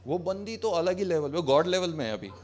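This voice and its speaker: Fairly quick and lively in intonation, this young man's voice sits on the high side as he does stand-up live on a small cafe stage. He addresses the audience through a handheld mic with conversational sarcasm, mixing Hindi and English.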